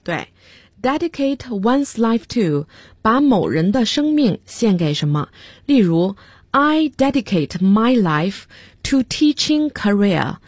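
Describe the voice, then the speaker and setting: A woman with a slightly husky voice gives a radio English vocabulary lesson. She spells each word slowly, letter by letter, and explains it with examples. The sound is dry and close, with no room around it. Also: fairly high pitch, sing-song, no echo. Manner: spells words out letter by letter, slow and careful. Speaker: English teacher.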